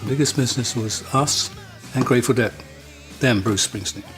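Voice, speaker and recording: A man's voice: mid-range voice, moderate pace, fairly bright tone, faint music behind. An English man recalling his band days in an interview, wry and dry, often stammering as he restarts. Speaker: guitarist interviewee. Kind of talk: reflective interview recollection.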